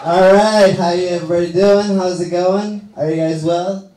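A man's voice: sits high, steady tone, normal speed, very noisy. Iranian-born man doing stand-up, roomy club. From Iran. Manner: loose, conversational delivery full of fillers and tag questions. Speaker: stand-up comedian. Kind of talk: stand-up comedy set. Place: small comedy club stage with live audience. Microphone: handheld mic.

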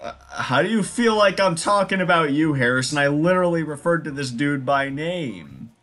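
A young man streaming a game, chatting casually with loud jokes and laughter. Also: fairly high pitch, moderate pace, soft background music. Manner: loud, laughing, joking, lively. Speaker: gaming streamer. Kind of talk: casual chat while playing.

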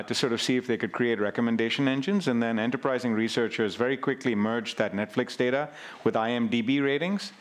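A middle-aged man holds forth on a conference stage, explaining ideas in a loose, conversational way, full of little restarts. His voice sits at an ordinary middle pitch, picked up by a headset mic in a big auditorium. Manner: gestures broadly, thinking aloud with fillers. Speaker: panelist, professor. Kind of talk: conference panel talk. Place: large auditorium stage with audience.

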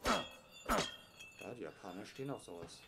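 A man's voice: on the low side, wildly swooping pitch, unhurried, gravelly. Man dropping short hints, noisy line. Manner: short, dry remarks and hints. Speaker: co-commentator. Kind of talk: casual let's-play chat.

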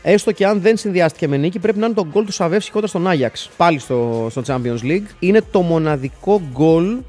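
A man telling stories as an interview guest, rambling and correcting himself, and growing loud and animated when excited. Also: high-pitched, faint music behind. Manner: rambling, with frequent self-corrections and restarts. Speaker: interview guest, football fan. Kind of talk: casual anecdotal storytelling. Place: seated in an armchair in a studio.

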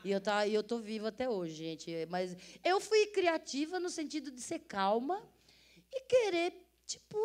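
A woman's voice: a little high, animated, a little slow, a little mellow. A middle-aged woman, an interview guest telling a story with lots of energy, acting out voices and laughing often. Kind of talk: animated storytelling.

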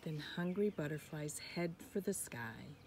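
Speaking to young children the way a teacher would, a deep-voiced woman reads a picture book expressively, a little slowly, dropping into whispered asides. She is outdoors under a tree in a front yard. The recording picks up birds and other ambient sound.

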